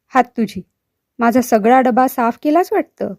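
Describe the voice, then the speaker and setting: Boisterous joking man, voiced by a woman, teasing shouts, dry close sound. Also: a little high, animated, unhurried, gravelly, no echo, heavily acted. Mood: playful. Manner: shouting, playful. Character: boisterous married man, loud joker.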